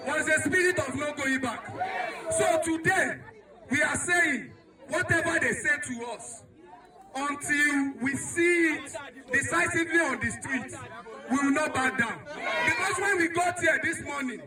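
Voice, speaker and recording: A Nigerian man with a very high, strained voice delivers a protest speech, declaiming each point with emphatic repetition. He is recorded from a distance with a lot of echo, and a crowd murmurs behind him. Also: measured pace. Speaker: protest speaker. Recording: echoey crowd recording from far off.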